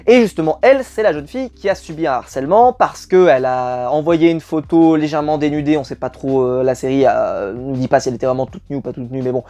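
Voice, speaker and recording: A man's voice: on the high side, darkish tone. A young man reviewing a TV series in casual talk, rambling with many fillers and repeated words. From France.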